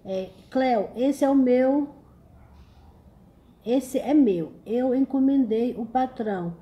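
A woman's voice: high-pitched, slow pace, dull audio. A woman with a Brazilian accent hosting a casual livestream, greeting viewers and teasing them in a chatty, exclamatory way. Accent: Brazilian Portuguese. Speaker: livestream host. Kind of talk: casual live chat, reading comments.

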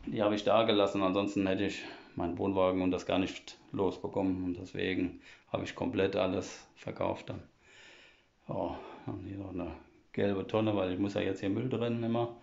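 A man with a very low, gravelly voice chats his way through a home tour, explaining each thing step by step and padding his talk with fillers. The sound is dull and lo-fi, picked up by a phone as he walks around indoors. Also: darkish tone. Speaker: vlogger giving a home tour. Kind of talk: casual walkthrough chat. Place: old half-timbered house, indoors. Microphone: phone camera held while walking.

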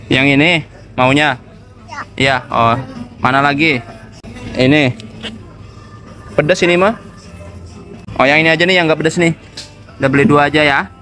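Young father, casual phone vlog, patient and teasing with a toddler, slightly high voice, soft music bed. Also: steady tone, normal speed, long pauses. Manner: coaxing, playful, repeats himself to a small child. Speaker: father filming his son. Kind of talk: casual family vlog narration. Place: shop and street outdoors.

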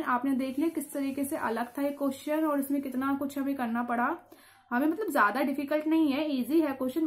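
Female tutor with a high voice and a patient, step-by-step lecturing manner. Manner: explains patiently, checks in with "theek hai". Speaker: commerce teacher.

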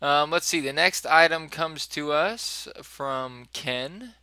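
A man co-hosting a podcast, chatting casually about listener-sent game items in a relaxed way. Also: fairly high pitch, slow pace, smooth, dry recording. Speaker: podcast co-host. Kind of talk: casual gaming chat.

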